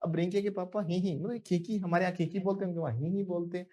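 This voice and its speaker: Playful, fairly high-voiced male teacher. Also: fairly even intonation, fast talker, dark tone. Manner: playful and joking, calls on students by name, prompts repetition. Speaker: spoken English teacher. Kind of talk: live classroom teaching, mixing Hindi and English drills.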